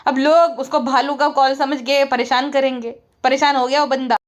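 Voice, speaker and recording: A woman's voice: high voice, level tone, moderate pace, highs cut off. A woman giving a sarcastic, mocking gossip commentary and mimicking the people she criticizes. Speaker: online commentator.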